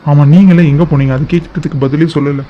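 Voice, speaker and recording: A bewildered young bridegroom explains himself apologetically in a flat, fairly high voice, as a man acts him out. He sounds like a character from a cartoon drama, and the recording is dull and lo-fi. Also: quick pace, lightly acted. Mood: confused. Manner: confused, apologetic.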